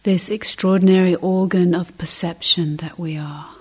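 Lowish, husky, and steady, a woman's voice leads a guided meditation in the role of teacher. It is soft and breathy, with short measured phrases, long pauses, and moments close to a whisper.

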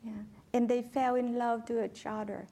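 A woman's voice: a little high, flat delivery, normal speed, warm tone. A woman interpreting a dharma talk, hesitant and searching for words.

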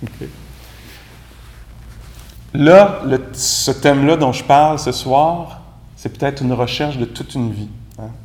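A man with a Québécois French accent giving a relaxed, conversational Buddhist dharma talk as a meditation teacher, with gentle self-mocking humor. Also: medium pitch, slow pace, long pauses. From Quebec. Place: room with a live group. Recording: echoey room recording.

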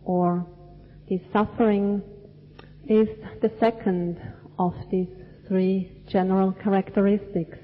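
Slow, measured woman teaching in a reverberant hall. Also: mid-range voice, flat delivery, a little hiss or hum. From Switzerland. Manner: slow, measured, deliberate phrasing. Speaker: Buddhist teacher. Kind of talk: dharma talk. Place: cinema hall. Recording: dull lo-fi recording with long hall reverb.

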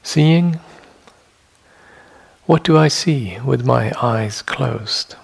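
In a meditation hall, a male teacher guides a meditation session. He uses short, measured phrases broken by long silences, and his mid-range voice has a husky, gravelly quality.

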